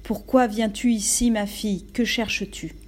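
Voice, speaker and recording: A grave, ancient storybook elder with a stern way of speaking, read by a woman. Her voice stays dark and mellow, close to her own. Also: medium pitch, fairly even intonation, moderate pace, lightly acted. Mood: questioning.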